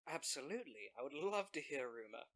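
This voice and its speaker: A man's voice: mid-range voice, big pitch swings, quick pace, fairly bright tone. A man playing a tabletop role-playing game, chatting casually and speaking in character.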